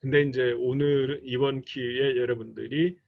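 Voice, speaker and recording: A man leads a recorded church training lecture, speaking slowly and deliberately and slipping into the voices of arguing spouses. His pitch sits in an ordinary middle range. The recording sounds dull and lo-fi. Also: steady tone, vocal fry. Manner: slow and deliberate, acts out quoted arguments. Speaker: church instructor and couples counselor.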